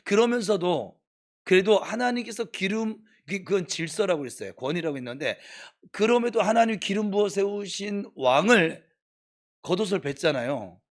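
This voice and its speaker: A man preaching in church with a high, very lively voice that climbs and falls across a wide range. He moves from quiet teaching to sharp, scolding exhortation aimed at his congregation. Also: normal speed. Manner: exhorting, swings from soft to scolding shouts. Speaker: pastor. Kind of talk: sermon.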